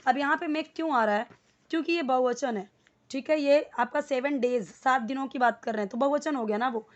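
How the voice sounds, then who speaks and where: In a dull, lo-fi recording, a woman with a fairly high voice teaches spoken English in Hindi. She walks through the grammar step by step, saying words slowly so learners can copy them.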